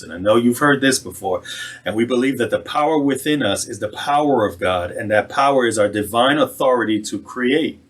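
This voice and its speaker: A man, a reverend, giving a conversational sermon and slowing down on key phrases. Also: mid-range voice, breathy edge. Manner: conversational, slows for emphasis.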